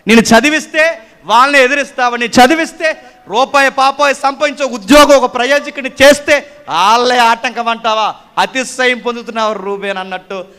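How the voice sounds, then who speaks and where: Guy preaching a sermon, scolding hard, very clear crisp voice, loud bursts of emphasis. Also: extremely high pitch, moderate pace.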